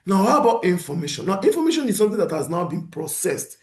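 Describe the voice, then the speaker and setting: This fast-talking instructor has a high voice and sounds reverberant. He lectures beginners with animation, regularly asking questions and then supplying the answers himself.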